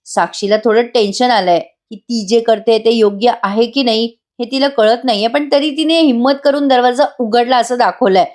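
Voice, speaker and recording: A woman's voice: a little high, moderate pace, few pauses, darkish tone. A woman giving a chatty voice-over review of a TV serial episode, speaking directly to her viewers. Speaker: serial recap narrator.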